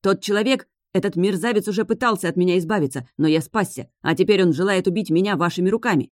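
A reader voicing a nervous young prince, higher and quick. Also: male voice, darkish tone, no room sound, studio quality, lightly acted. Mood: hurried. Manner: hurried, breathless protests.

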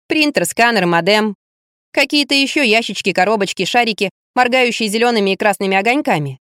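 Expressive woman reading an audiobook. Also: mid-range voice, dry recording, studio quality. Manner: lively, expressive first-person reading. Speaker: audiobook reader. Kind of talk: audiobook narration.

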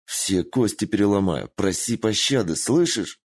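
A man's voice: lowish voice, lively intonation, a little slow, husky, no room sound, studio quality, full character voice. A man voicing a stern, hot-tempered young princess who speaks in a commanding, growling way. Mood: furious.

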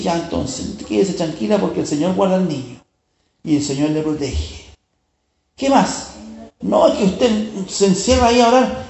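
A man's voice: high voice, a little mellow. A man preaching a storytelling sermon, often turning to the listener to check they follow. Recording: echoey room.

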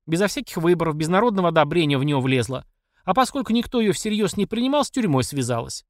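A man's voice: on the high side, dry recording, studio quality, voice pushed up. Man voicing a bossy, folksy older village woman. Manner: scolding, folksy, rallying.

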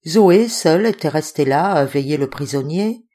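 A woman narrating an audiobook in a calm, measured reading. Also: sits low. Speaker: audiobook reader.

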